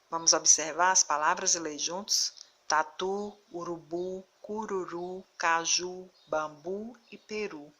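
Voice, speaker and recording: A woman teacher giving a recorded video lesson, reading word lists slowly and deliberately and stressing syllables. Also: sits low, bright, forceful tone.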